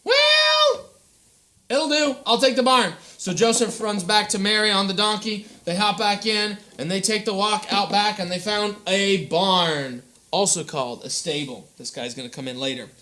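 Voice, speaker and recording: Brief: male children's preacher, bright and high-pitched, playful and joking. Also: normal speed, hardly any pauses. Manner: playful, animated, uses props, addresses children. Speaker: children's pastor. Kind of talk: children's sermon storytelling.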